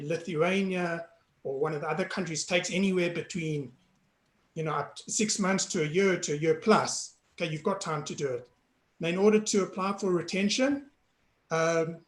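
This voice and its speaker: A hoarse man, a panelist frankly and casually explaining citizenship rules over a video call. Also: fairly high pitch, echoey room.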